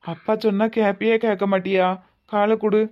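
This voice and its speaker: Woman doing a gentle, fatherly old father-in-law. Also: medium pitch, flat delivery, moderate pace, close to an everyday voice. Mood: gentle, coaxing. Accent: Tirunelveli Tamil. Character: kindly older father-in-law, widowed and fatherly. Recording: slightly muffled lo-fi audio.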